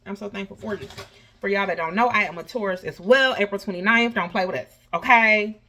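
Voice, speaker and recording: This woman hosts a tarot reading, addressing viewers as honey and baby in a sassy, folksy manner. She lisps slushily on her s sounds, and her medium-pitched delivery is brisk, pushed, and bright.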